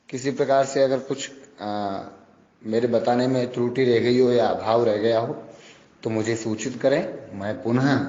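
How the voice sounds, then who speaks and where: A man teaching Sanskrit grammar in a classroom lecture, explaining terms one by one with pauses. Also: medium pitch, a little mellow. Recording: roomy, echoey, slightly dull recording.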